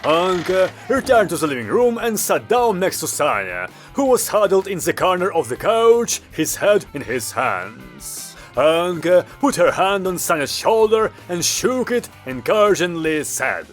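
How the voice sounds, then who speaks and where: Expressive male narrator, animated, fairly high voice, light music. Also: unhurried, hardly any pauses. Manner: lively, expressive storytelling. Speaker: audiobook narrator. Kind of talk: scripted narration. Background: background music.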